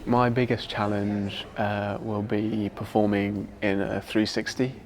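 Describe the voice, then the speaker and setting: A young man from Wales, a dancer, speaking in a thoughtful, hesitant way with many pauses in a documentary interview. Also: lowish voice, level tone, very noisy.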